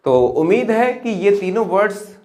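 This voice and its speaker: A man's voice: high-pitched, animated, normal speed, a little mellow. A man teaching English vocabulary to students in a classroom-style lesson. He drills words by repeating them, asks rhetorical questions, and calls his viewers children.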